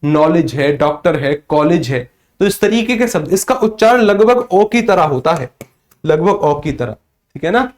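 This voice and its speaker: A man's voice: on the high side, expressive, normal speed. A man teaching Hindi in a live online class, who asks questions and answers them himself, often calling his students sir. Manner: addresses students as sir, reads out chat comments.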